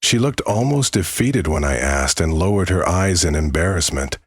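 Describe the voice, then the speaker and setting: A man narrating a scripted first-person horror story in a measured way, with dramatic pauses. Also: deep voice, animated, breathy edge, no echo, studio quality.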